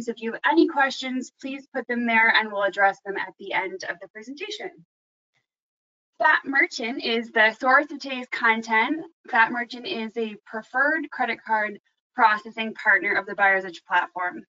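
A woman moderating a webinar, reading scripted announcements and a speaker introduction in a smooth, even way. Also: fairly high pitch, distant mic, highs cut off.

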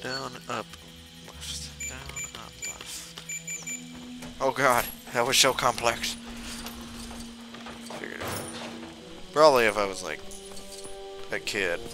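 A young man commenting casually on a game, very slowly, with a creaky voice. He is offhand and wry, over loud game music. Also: mid-range voice. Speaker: gamer. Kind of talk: casual let's-play commentary. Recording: voice mixed with loud game audio. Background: loud game music and sound effects.

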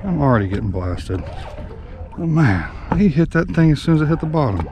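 A fishing guide and channel host films a casual vlog from an open boat at sea, excitedly calling the action as fish bite and he reels them in. His voice is slightly high and fairly quick. Recorded on an action camera, the audio carries outdoor boat noise, including the engine and water behind him.

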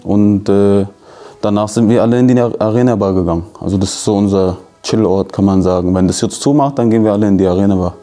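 A nineteen-year-old man talks in a relaxed, casual way and uses everyday slang. His voice is fairly low and mellow, and he keeps it easygoing. He sits indoors in a youth centre lounge. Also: fast, soft background music. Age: teens. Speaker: interview guest.

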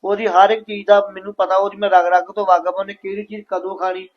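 A man playing a father who reasons calmly with his wife in a family drama. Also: high voice, fast talker, muffled recording. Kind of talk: scripted family drama acting.

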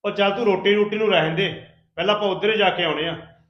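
A man playing a calm husband who talks mildly and tries to make peace. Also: sits high, fast talker, roomy sound, lo-fi sound, lightly acted. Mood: placating. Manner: placating, mild.

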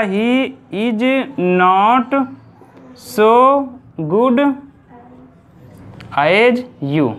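A man teaching English grammar, asking questions and answering them himself, stretching out example words slowly. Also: high-pitched, a bit bright, a little hiss or hum. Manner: repeats points slowly, drawing out example words. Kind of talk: classroom-style grammar lesson.

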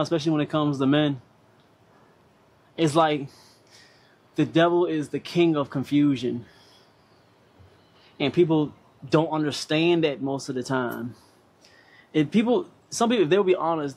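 Husky, higher-voiced man preaching motivation. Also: darkish tone. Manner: emphatic, preaching, halting with repeated phrases. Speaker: fitness vlogger. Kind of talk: motivational monologue to a live audience online. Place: outdoor balcony deck with workout equipment.

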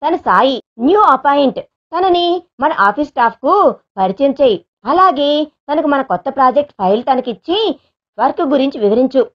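A woman's voice: sits high, expressive, normal speed, muffled recording. A woman voicing a young male office boss, polite and frank, slipping in English phrases. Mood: courteous.

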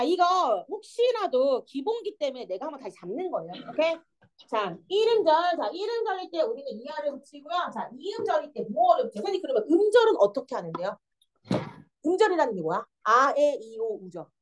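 A young woman teaching an English grammar lesson, explaining step by step and often checking whether the students follow. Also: high voice. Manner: lively, keeps checking understanding with students.

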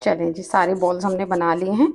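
A woman with a Pakistani Urdu accent talks viewers through a recipe at an easy, steady pace. She explains each step patiently and repeats her cautions so nobody misses them. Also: lowish voice, fairly quick, vocal fry. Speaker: cooking channel host. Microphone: off-camera voice over hands-only cooking shots.

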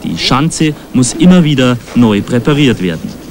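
A man reading the scripted voice-over of a TV sports report in a measured, informative way. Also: mid-range voice, very animated, a little mellow, a little hiss or hum. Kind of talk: scripted narration. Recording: voice-over with music bed.

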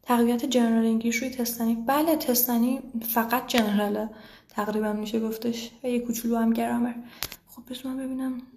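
A woman with a Persian accent teaches English in a live online class, reading viewers' questions and answering them in a casual, chatty way. Her voice sits a little high with little rise and fall. The room around her is echoey. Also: fairly even intonation, a little mellow, a little hiss or hum. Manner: chatty, switches to slow careful English words.

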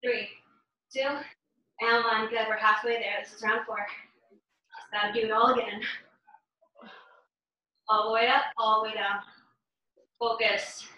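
A young woman coaches a home workout in her living room, urging and encouraging listeners with short repeated commands and counts while she exerts herself. Her voice is on the high side and sharp, delivered flatly at a measured pace with frequent pauses. The recording, from a camera a few metres away, has cut-off highs and a very echoey sound.

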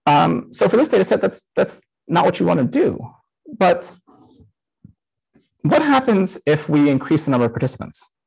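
Speaker, man in his 30s, husky voice that moves around a lot in pitch; relaxed live-coded talk through a headset. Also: moderate pace, pauses often, rough recording. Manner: casual, many "um" fillers. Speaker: conference speaker.

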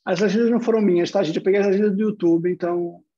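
A man's voice: sits high, fairly even intonation, rapid-fire, warm tone, dull audio. A man with a Brazilian Portuguese accent giving an online university lecture, explaining step by step and posing rhetorical questions.

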